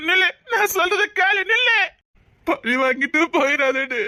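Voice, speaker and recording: A woman's voice: very high-pitched, expressive, normal speed, pushed and bright, dry recording, clean studio sound, exaggerated voice. A woman voicing a young woman who begs her friend to live, speaking with a Tirunelveli Tamil accent in a tearful, pleading way. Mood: begging.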